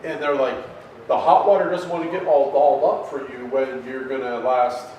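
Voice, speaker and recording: A man's voice: medium pitch, steady tone, normal speed, a little mellow, highs cut off. A man in his forties, a comedian ranting about what annoys him, rambling and swearing constantly with lots of fillers. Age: 40s. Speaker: open mic comedian guest. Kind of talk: profane comic rant. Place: record store. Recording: very echoey room, mic far off, faint noise.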